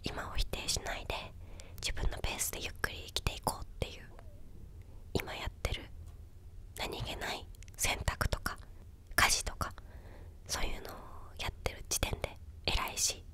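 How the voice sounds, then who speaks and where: A young woman chatting casually in a soft, breathy ASMR whisper, close to a desktop microphone in a small room. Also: normal speed. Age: young adult. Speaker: ASMR video creator. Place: small quiet indoor room with a bed or sofa. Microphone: desktop condenser microphone, close up.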